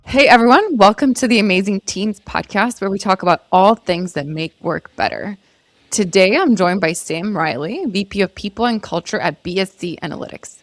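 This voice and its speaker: A woman's voice: medium pitch, moderate pace, no echo. A woman from Croatia, hosting a podcast interview in a chatty way, asking questions with asides. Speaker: podcast host.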